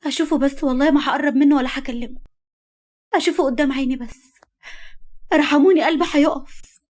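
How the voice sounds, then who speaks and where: A desperate young woman begs and sobs in a raised, high voice with an Egyptian Arabic accent, as a woman narrator puts her on. She talks fast and urgently, close to breaking. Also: fairly even intonation, natural voice. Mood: pleading. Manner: pleading, tearful.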